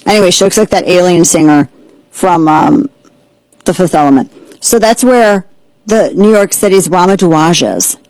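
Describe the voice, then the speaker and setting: A woman hosting an opinionated political commentary show, sarcastic and mocking, with quick asides. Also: on the low side, a little mellow, no room sound, low-quality recording. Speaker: host.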